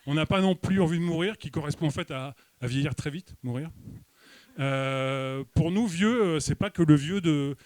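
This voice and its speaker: Deadpan French man doing stand-up. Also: a little high, normal speed, no echo. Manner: deadpan, mock-serious delivery with hesitations. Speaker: stand-up comedian. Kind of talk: stand-up comedy set. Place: comedy club stage.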